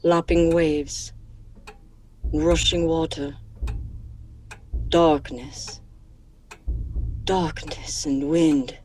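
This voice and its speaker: In a radio horror drama, an actress plays an entranced young woman under a vampire's spell, speaking slowly and dreamily in a deep voice with fairly even intonation. Soft music plays in the background.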